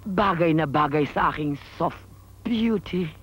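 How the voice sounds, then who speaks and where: An actress playing a vain, greedy, bossy aunt in a broad film comedy, with a husky voice. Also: female voice, deep voice, a little slow, heavily acted.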